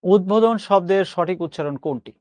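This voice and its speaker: A man's voice: sits high, fast, a little mellow, dry recording. A man teaching a pronunciation class online, reassuring his students and slipping English phrases into his lecture.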